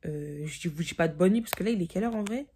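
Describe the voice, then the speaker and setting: Chatty young woman, husky voice. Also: fairly low pitch, expressive, quick pace, mellow. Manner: chatty, rambling, heavy filler words. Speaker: vlogger. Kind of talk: casual chat to camera. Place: at home, late at night. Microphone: phone camera.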